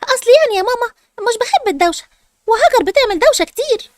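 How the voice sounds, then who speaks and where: A woman with an Egyptian accent voicing an eager young girl who pleads and chatters quickly, in a dry recording. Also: very high-pitched, expressive, no echo. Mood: pleading. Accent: Egyptian Arabic.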